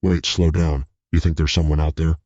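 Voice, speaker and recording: A man voicing a calm, skeptical young boyfriend in a spoken horror story. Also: rumbling low, normal speed, no echo. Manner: calm, reasoning. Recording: dull lo-fi recording.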